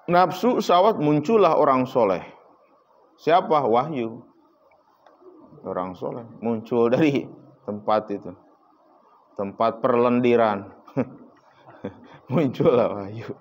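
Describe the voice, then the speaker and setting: A man giving a religious study lecture as a teacher, telling stories and acting out dialogue, swinging between loud lines and hushed asides. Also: medium pitch, animated, slow pace, pauses often. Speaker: kitab teacher. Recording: dull lo-fi recording.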